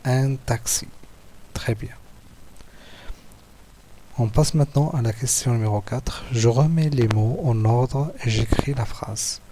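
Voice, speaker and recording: Algerian french guy teaching kids, super slow and patient, says every word twice. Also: mid-range voice, mellow, slight background noise. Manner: deliberate, repeats words and syllables slowly. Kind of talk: slow, patient lesson walkthrough.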